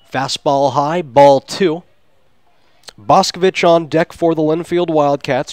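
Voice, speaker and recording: This is live radio play-by-play of a baseball game, called by a man with a mid-range voice. He describes the action in flowery language, and the recording is dry.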